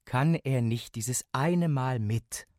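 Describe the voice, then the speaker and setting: An older grandmother, slow and gently coaxing, as a man puts her on. Her words come drawn out and soft-edged. The sound is dry and close. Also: medium pitch, no room sound, close to an everyday voice.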